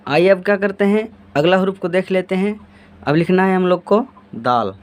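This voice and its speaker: Male teacher, slightly high voice, patient step-by-step demo, answers his own questions. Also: normal speed. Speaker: Urdu handwriting teacher. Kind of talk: step-by-step writing lesson.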